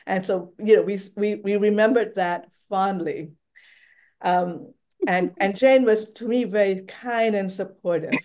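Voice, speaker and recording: An older woman from Thailand speaking on a webinar from her home over a video call, telling her personal story in a measured, reflective way. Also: mid-range voice, a little mellow. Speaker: panelist. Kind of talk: prepared personal remarks on a webinar. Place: home room, indoors.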